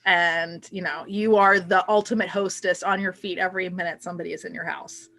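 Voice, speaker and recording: Bright-voiced woman chatting casually. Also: lowish voice, fairly even intonation, brisk, vocal fry. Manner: conversational, laughs easily, uses "like" often. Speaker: book discussion co-host. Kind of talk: casual book discussion.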